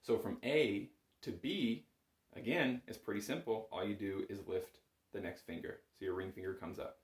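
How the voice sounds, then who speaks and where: This bagpipe instructor speaks at a moderate pace, his voice on the low side. Indoors in a small home music room with a roomy echo, he gives a conversational lesson, patiently encouraging and explaining step by step.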